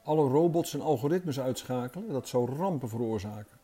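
A man's voice: mid-range voice, expressive, fairly quick, dark tone, slightly rough, faint music behind. A man voicing a thoughtful, worried man in a storybook, speaking reflectively and with growing anxiety. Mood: anxious.

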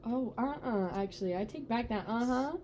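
A young woman co-hosting a casual chat podcast, telling stories in an animated way and acting out her younger self. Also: on the high side, moderate pace, a little hiss or hum. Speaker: podcast co-host.

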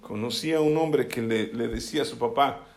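A man's voice: mid-range voice, normal speed. A man preaching a sermon in a conversational way, often checking that listeners follow along. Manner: conversational, asks listeners for assent. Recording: echoey room.

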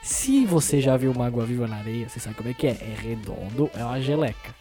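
A man's voice: medium pitch, lively intonation, fast, dark tone, faint music behind. A young man co-hosting a casual podcast, telling stories in a joking way and acting out the other people's voices. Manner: jokey storyteller, acts out quoted voices. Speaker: podcast co-host.

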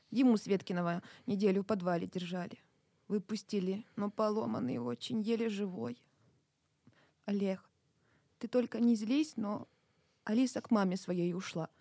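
A woman playing an anxious old mother in an audio drama, her voice soft and breathy, almost whispered, rising high when she pleads. The sound is dry and close. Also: no room sound, close to an everyday voice. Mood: hushed worried. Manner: soft, hushed, half-whispered. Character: older worried mother, pleading, tearful.

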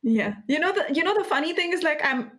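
A woman's voice: high voice, animated, fast, fairly bright tone, a little hiss or hum. A woman from India co-hosting a casual podcast chat, chatty and teasing, laughing often. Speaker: podcast co-host.

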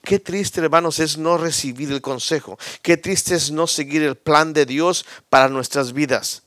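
A male pastor preaching a sermon, drawing call-and-response from listeners and swinging from loud exclamations to near whispers. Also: on the high side, unhurried, no echo, clean studio sound.

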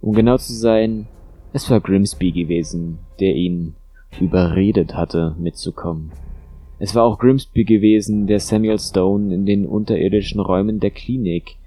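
A man narrating a thriller audiobook in a steady, measured way. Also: low voice, slightly rough, faint music behind.

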